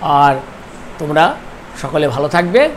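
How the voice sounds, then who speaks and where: Male teacher, high voice, slow deliberate delivery that breaks words into syllables, faint background noise. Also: sing-song. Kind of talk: recorded lecture.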